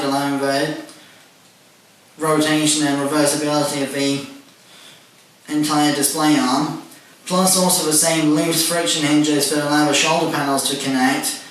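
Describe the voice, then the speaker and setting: A man's voice: a little high, a bit bright. A man giving a methodical toy review, listing parts and features one by one. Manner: methodical, listing details with "and whatnot". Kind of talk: casual toy review walkthrough. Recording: very echoey room, distant mic, faint noise.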